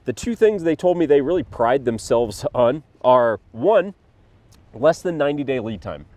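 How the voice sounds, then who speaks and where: A man's voice: mid-range voice, animated, normal speed, dark tone, dry recording. Rambling man with a slight cough. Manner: rambling, filler-heavy, thinks aloud. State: slight cough, under the weather. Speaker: co-host of a firearms review channel. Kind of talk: casual review chat.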